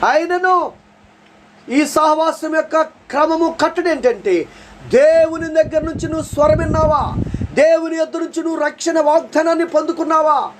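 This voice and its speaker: A preacher shares his testimony in a sermon, his very high voice moving at a moderate pace over slight background noise. The telling is dramatic, with phrases said again and again and prayers that plead earnestly.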